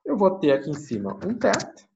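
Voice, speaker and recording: A Brazilian man talks his way through a calculation at the board, his pitch rising and falling as he poses questions and answers them himself. The recording sounds muffled and lo-fi, like a home screencast. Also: huge pitch swings, a little fast, creaky, a little mellow, slight background noise. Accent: Brazilian Portuguese. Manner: thinks aloud, asks and answers his own questions; frequent tag questions. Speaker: university math teacher. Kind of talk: lecture walking through a calculation.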